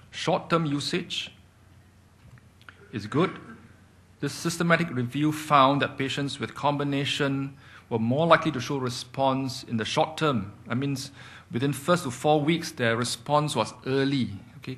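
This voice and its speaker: A man's voice: medium pitch, unhurried, a bit bright. Man giving a clinical lecture. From Singapore. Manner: explanatory, repeats key points with rhetorical questions and "okay?". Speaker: psychiatrist lecturing doctors.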